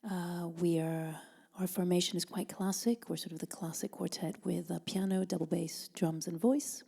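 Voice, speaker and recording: A woman's voice: on the low side, steady tone, normal speed, gravelly, slightly rough. A woman from Italy, raised in Denmark, answering interview questions in a thoughtful, hesitant way and sometimes dropping to a near whisper. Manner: thoughtful, many ums and uhs; soft, at times drops to a whisper. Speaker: jazz vocalist and band leader.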